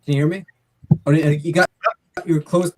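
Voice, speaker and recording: A man speaking haltingly on a video call, his audio glitching and breaking up. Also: fairly high pitch, steady tone, a little mellow, rough recording. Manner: halting, hesitant, trailing off. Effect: choppy, glitching call audio that breaks up. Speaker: stroke survivor guest on a video call.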